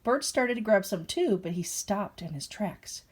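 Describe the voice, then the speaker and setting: A woman's voice: medium pitch, expressive, measured pace. An older woman reading a picture book aloud as a grandmother, breaking off for chatty asides. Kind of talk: storybook read-aloud with asides.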